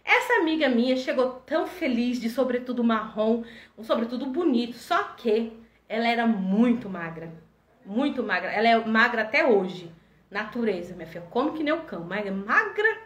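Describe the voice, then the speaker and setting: A woman in her forties chatting casually and telling stories with animated energy. Her voice sits high and bright, and the echoey room around her gives it a ringing tail. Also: normal speed. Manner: animated, chatty, lively reenactments. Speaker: entrepreneur and host. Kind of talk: casual storytelling chat.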